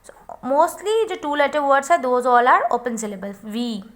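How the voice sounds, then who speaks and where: A woman gives a phonics lesson at a very slow, careful pace. Her voice sits a little high, and she stretches out each word as she sounds it for the listener. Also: animated. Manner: switches between Hindi and English, slow drawn-out sounding of words. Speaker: phonics teacher. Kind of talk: home-recorded phonics lesson.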